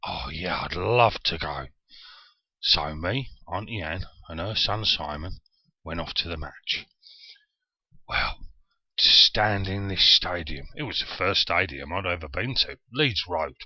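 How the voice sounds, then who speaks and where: A man in his forties with a southern English accent, born in Yorkshire, tells a personal story in a lively, self-mocking, conversational way. His voice sits very low. The recording is dry and a little dull, with a lo-fi sound. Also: measured pace, husky, no echo. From Yorkshire, England. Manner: self-deprecating, chatty and animated. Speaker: vlogger.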